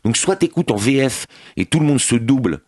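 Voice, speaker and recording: A man's voice: mid-range voice, animated, normal speed, darkish tone, dry recording. A man giving a sarcastic, slangy, scathing TV review as a columnist on a radio morning show, recorded in a radio studio.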